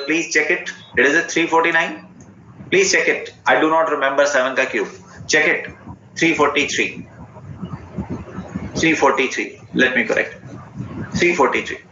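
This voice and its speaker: A man's voice: on the high side, bright, forceful tone. A man with an Indian accent teaching an interactive online class, often repeating short instructions and putting questions to his students. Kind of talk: interactive online lesson, mixing English and Hindi. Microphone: online class call. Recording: roomy, dull lo-fi online class audio with faint noise.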